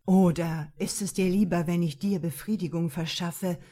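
A woman's voice: fairly even intonation, moderate pace, mellow, lightly acted. A woman reading a hard, domineering man. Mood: taunting. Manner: low, hard, taunting tone. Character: domineering, commanding man, a husband.

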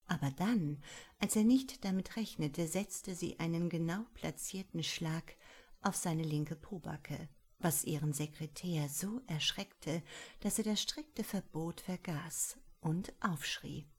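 A woman reading a story aloud as scripted audiobook narration, soft and measured. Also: deep voice, slightly rough. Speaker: audiobook reader.

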